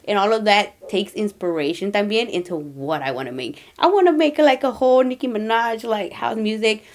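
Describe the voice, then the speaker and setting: A woman's voice: mid-range voice, expressive, a little fast. A woman who makes dance music, chatting casually in slangy English with Spanish mixed in. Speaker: music maker and DJ guest. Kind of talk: casual chat.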